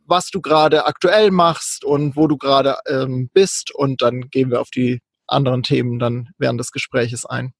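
A man hosting a podcast, introducing a guest and leading the interview in a friendly, brisk way. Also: medium pitch, steady tone, vocal fry, no echo, clean studio sound. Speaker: podcast host.

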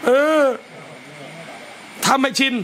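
A man, a religious teacher, gives a lively lecture at a home gathering, talking straight to his listeners. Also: very slow. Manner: lively, talks straight to listeners and acts out scolding parents.

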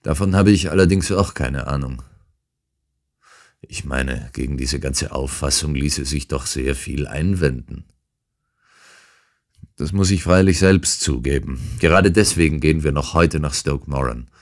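A man voicing a calm, unshakable detective in an audiobook, speaking with dry irony. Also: a bass voice, a little slow. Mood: calm, ironic. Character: calm, ironic adult male detective. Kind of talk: audiobook character reading.

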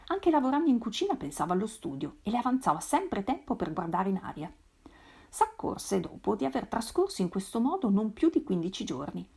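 A woman reading a novel aloud in a measured, expressive way. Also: medium pitch, gravelly, husky. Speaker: reader. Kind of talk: literary read-aloud.

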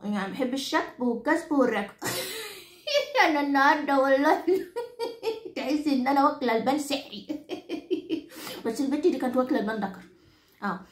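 A woman's voice: high voice, roomy sound. A woman playing a nagging Egyptian grandmother of nearly ninety who is henpecked by her husband. She rants in an Egyptian Arabic accent, scolds, repeats herself and swears exaggerated oaths. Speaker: comic character monologue. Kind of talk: comic rant to the audience.

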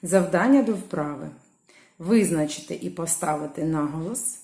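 A woman teaching a primary school lesson, slowly calling out each word and stretching its stressed syllable. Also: sits low, darkish tone. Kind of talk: slow classroom lesson. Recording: echoey room.

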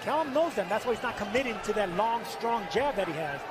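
Fast-talking high-voiced male boxing analyst. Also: lively intonation. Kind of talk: conversational live fight analysis. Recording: loud arena crowd noise. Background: roaring crowd.

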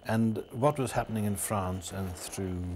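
Older man, low and reflective. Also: a little slow, a little hiss or hum. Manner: reflective, trailing off softly. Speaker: interviewee recalling wartime occupation. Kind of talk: reminiscing testimony.

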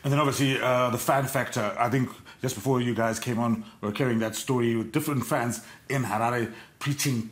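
A man's voice: medium pitch, a bit bright. Male TV host in an echoey studio. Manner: probing questions with frequent fillers. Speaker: TV sports show host. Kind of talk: studio interview.

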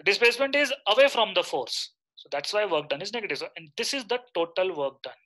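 Bright-voiced Indian-accented male online teacher. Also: high voice, animated, fast. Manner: instructive, checks with short repeated questions. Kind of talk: live interactive lecture.

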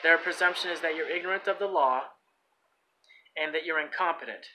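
Bright-voiced man reading and explaining, halting. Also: fairly high pitch, slight background noise, poor audio. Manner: halting, many fillers and restarts while explaining. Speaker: host. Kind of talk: reading aloud and commenting.

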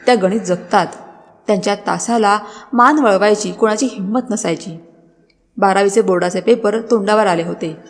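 A woman narrating a scripted story in a dramatic, expressive way. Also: mid-range voice. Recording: long reverb with background music.

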